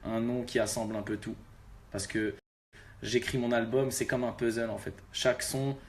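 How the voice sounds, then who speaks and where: A man's voice: medium pitch, fairly even intonation, normal speed, a little hiss or hum. A young man from Algeria, a rapper, talking casually to his fans with laid-back street slang.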